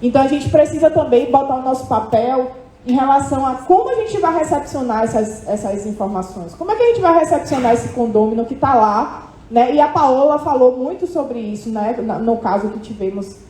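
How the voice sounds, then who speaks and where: A woman psychologist giving an animated seminar talk to an audience, often checking in with quick tag questions. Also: high voice. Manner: animated, lively, questioning "tá?" tags. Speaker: psychologist speaking at a condo managers' event. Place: hotel event hall with audience. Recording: echoey hall.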